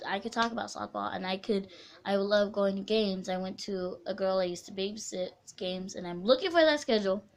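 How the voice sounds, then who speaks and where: A young woman from central California, chatting casually as a vlogger in a storytime video. She rambles and keeps interrupting herself. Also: medium pitch.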